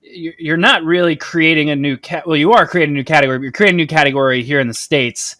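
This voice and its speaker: Bright, dry-sounding man hosting an interview. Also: fairly high pitch, quick pace, no room sound. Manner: brief encouraging interjections, loose questions. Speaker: podcast host.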